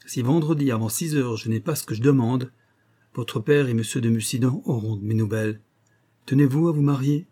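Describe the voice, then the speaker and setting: A man's voice: medium pitch, brisk, mellow, natural voice. A man voicing an old male blackmailer who whines with false humility and sly mockery, in a read-aloud novel. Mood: indignant. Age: older. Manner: wheedling, falsely humble, mocking.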